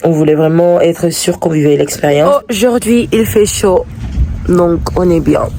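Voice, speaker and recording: A woman's voice: lowish voice, a little slow, dark tone, a little hiss or hum. A woman chatting casually to camera as a vlogger, hesitant and often repeating her words and phrases.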